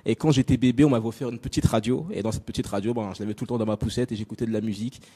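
A man's voice: mid-range voice, steady tone, racing, warm tone, slightly rough. A young adult man from France giving a personal talk to an audience, direct and chatty with many fillers. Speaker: invited speaker. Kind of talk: conference talk on stage.

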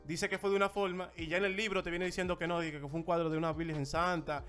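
Male podcast co-host, high quick voice, animated storyteller, faint music under. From Dominican Republic. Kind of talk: casual chat. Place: United States.

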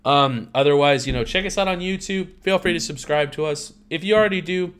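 Male podcast co-host, slightly high voice, casual banter full of hyped bro slang and swearing. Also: brisk, fairly bright tone, smooth.

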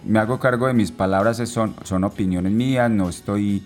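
Man, low voice, halting chat. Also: faint music behind. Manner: hesitant, repeats words, relaxed slang. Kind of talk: casual chat.

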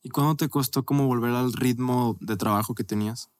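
Very low-voiced woman host. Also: brisk. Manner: relaxed, slangy, asks short follow-up questions. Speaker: podcast host. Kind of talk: casual interview.

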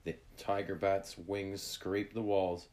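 A man reads a children's adventure book aloud in a low, deep voice. He takes his time, with a calm and deliberate delivery. Each sentence is measured and clear. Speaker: narrator.

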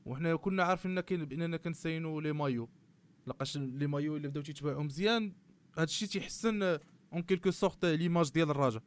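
A man's voice: a little high, rapid-fire, clean tone. A man with a Moroccan accent giving analysis in a panel discussion, often dropping French terms into his speech. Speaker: guest commentator on football club marketing.

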